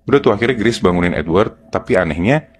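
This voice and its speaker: Male podcast storyteller, Jakarta accent, deep voice, relaying horror tales casually and step by step. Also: expressive, quick pace. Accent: Jakarta Indonesian. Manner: colloquial, step-by-step narration.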